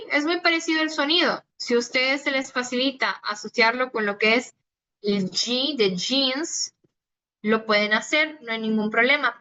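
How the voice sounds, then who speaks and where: A woman whose first language is Italian explains pronunciation slowly and patiently to her students, pausing to ask if everyone is following. Her voice is bright and a little high. It comes through as a dull phone recording of a video call. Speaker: Italian teacher. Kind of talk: online language class.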